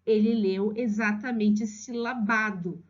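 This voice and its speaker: A woman with a Brazilian accent explaining children's writing levels to parents as a teacher, stretching words slowly syllable by syllable. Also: medium pitch. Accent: Brazilian Portuguese. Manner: lively, drawn-out slow spelling of syllables. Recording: slightly dull lo-fi recording.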